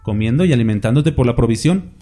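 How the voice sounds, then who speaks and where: A man's voice: mid-range voice, expressive, fast, dark tone. A man preaching a conversational sermon, asking rhetorical questions and mimicking hypocrites in mocking asides.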